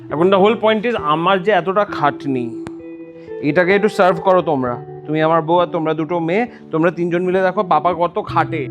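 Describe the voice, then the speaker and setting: Man, comic monologue, animated, mocking, English phrases mixed in, fast, guitar music behind. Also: sits high. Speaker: speaker on family and masculinity.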